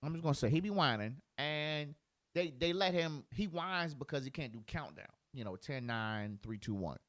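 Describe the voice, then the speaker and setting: A man's voice: on the high side, expressive, moderate pace, a bit bright, dry recording. A man hosting a podcast in casual chat, blunt and profane, talking as a father of a preschooler. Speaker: podcast host.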